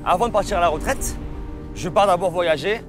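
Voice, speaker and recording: A man's voice: sits high, fairly quick, over music. A man in his thirties from southern France, speaking earnestly in a documentary interview. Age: 30s.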